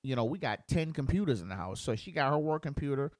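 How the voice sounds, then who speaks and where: A man's voice: medium pitch, expressive, fast, dry recording. A man hosting a podcast in casual chat, blunt and profane, talking as a father of a preschooler. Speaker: podcast host.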